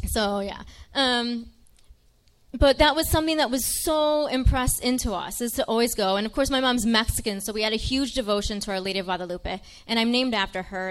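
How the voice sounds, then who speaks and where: A woman's voice: fairly high pitch, fairly bright tone, clear, resonant tone. A young woman from Michigan giving an earnest, chatty personal faith testimony to an audience, with frequent ums.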